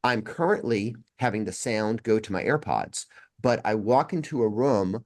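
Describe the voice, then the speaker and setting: Low-voiced man explaining tech casually. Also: normal speed. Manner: relaxed explaining, frequent fillers and restarts. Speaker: podcast co-host.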